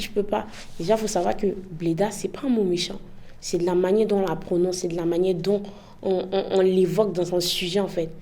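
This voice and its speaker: A young woman with a lowish, mellow voice gives frank, impassioned answers in a candid interview testimony, often tagging her points with "en fait."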